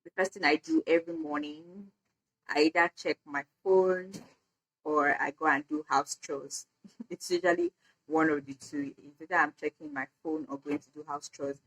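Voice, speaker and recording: A young adult Nigerian woman, whose first language is Edo, chats casually in a get-to-know-me vlog, often saying "like" and laughing. Her Nigerian-accented voice is deep and a bit bright, with creaky texture, big pitch swings and a moderate pace. The recording is rough.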